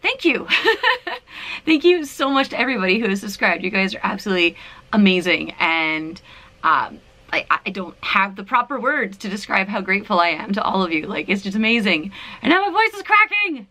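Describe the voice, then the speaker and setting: Bright, giggly Canadian-born woman vlogging. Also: mid-range voice, very animated, normal speed. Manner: bubbly, giggly, self-deprecating. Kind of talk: casual chat to camera. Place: her apartment, indoors. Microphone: camera.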